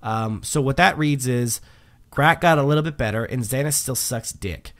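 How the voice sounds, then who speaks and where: On a casual livestream, a male host rambles through patch notes in a chatty way, with lots of um fillers and restarts. His mid-range voice has a fairly bright tone and a moderate pace.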